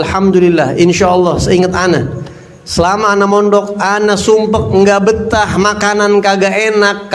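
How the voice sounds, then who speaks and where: A man giving a storytelling sermon in a casual, colloquial way, acting out what people said. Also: high voice. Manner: casual, colloquial, acts out quoted voices. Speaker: preacher.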